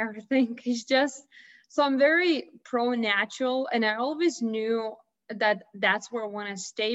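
This holistic health consultant from Lithuania, speaking with a Lithuanian accent, is an interview guest on a video call with dull, lo-fi sound. Her voice sits on the high side and is a bit bright. Upbeat and earnest, she frequently starts her sentences over.

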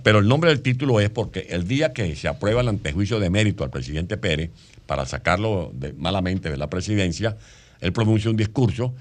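A man, a guest author giving long explanatory answers in a radio interview. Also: sits low.

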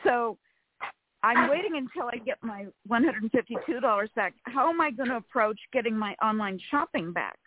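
A woman's voice: fairly high pitch, expressive, normal speed, a little hiss or hum. Rambling woman caller over the phone. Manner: rambling with many fillers. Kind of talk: call-in radio chat. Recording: tinny dry phone line.

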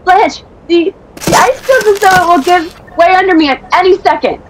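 A timid, frightened woman in a vintage radio thriller. Her voice is extremely high, and the old recording is clearly noisy. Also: normal speed. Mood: fearful.

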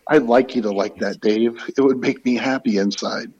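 A man's voice: mid-range voice, normal speed, a little mellow, husky, highs cut off. A man in casual, joking chat as a radio show guest, calling in from a living room full of reverb. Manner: joking, playful. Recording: echoey reverberant room, off mic.

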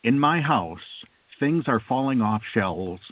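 A man hosting a talk show in a casual conversational style, halting and repeating words as he goes. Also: medium pitch, expressive, no echo. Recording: narrow, phone-like sound.

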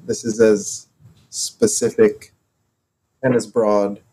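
A man from Morocco co-hosting a casual podcast discussion, talking in halting stops and starts with many fillers. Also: fairly low pitch, level tone, mellow, breathy edge. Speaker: podcast co-host.

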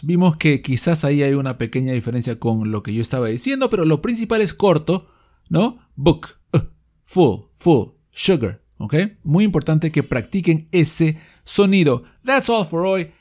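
A man teaching English pronunciation to Spanish speakers, stretching out the example words slowly. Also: fairly high pitch, sing-song, a little mellow. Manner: slow, drawn-out demonstrations. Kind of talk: pronunciation lesson.

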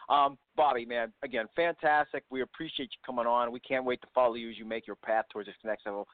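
A man hosting a sports interview show, upbeat and quick, full of "you know" fillers. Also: medium pitch, steady tone, dry recording. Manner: fast, upbeat, many fillers. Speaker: podcast host. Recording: tinny phone-line audio.

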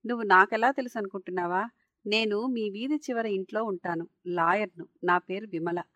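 A woman voicing a kind, affectionate lawyer and social worker in a told story, speaking gently. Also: mid-range voice, brisk, dry recording, dull audio, lightly acted. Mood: gentle.

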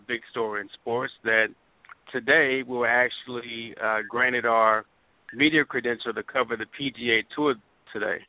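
A man hosting a sports talk show, plugging sponsors with eager, filler-heavy chat. His voice is mid-pitched and sounds dry and thin, like a phone line. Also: no room sound. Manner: upbeat, promotional, lots of fillers. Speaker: sports radio host.

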